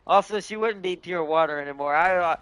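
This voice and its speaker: A man's voice: high voice, a little fast, a bit bright, clear, resonant tone. Man rambling through casual gameplay commentary. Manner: rambling, thinking aloud about game lore. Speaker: gaming video host.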